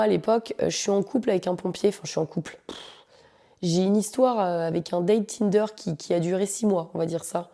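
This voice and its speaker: This is a woman hosting her own podcast, recounting a personal story in a loose, conversational monologue. Her voice sits low and has a gravelly edge with a mellow, dark tone. She keeps it humorous and slangy, addressing her listeners directly. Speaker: podcast host.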